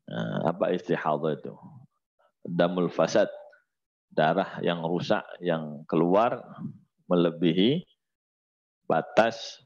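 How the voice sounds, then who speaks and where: A man's voice: medium pitch, dull audio. A male religious teacher giving a lesson with jokes, mixing Arabic recitation with casual, teasing talk. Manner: lively, teasing, mixes Arabic recitation with colloquial speech.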